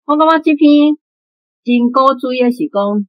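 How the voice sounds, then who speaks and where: Speaking unhurriedly in a high-pitched voice, a Taiwanese-accented woman explains literature off the cuff on a radio programme, as either guest or presenter. The recording is dry and muffled.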